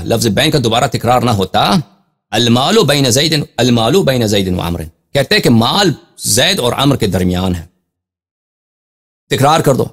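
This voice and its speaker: A male religious scholar lectures on Quran commentary, and his pitch swings widely as he stresses points. He reads Arabic passages slowly and explains them. He keeps repeating phrases and posing questions to drive each point home. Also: a bit bright, husky.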